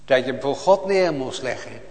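A man preaching a sermon to his congregation, swinging between loud outcries and hushed, pleading passages. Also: mid-range voice, expressive, normal speed. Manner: addresses the congregation with repeated "O gemeente". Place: church. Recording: long church reverb.

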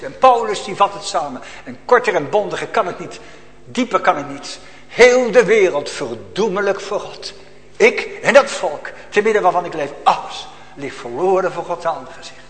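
A man preaching a sermon in a church, swinging from loud exclamations to hushed, almost whispered lines. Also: on the high side, big-room sound. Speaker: pastor.

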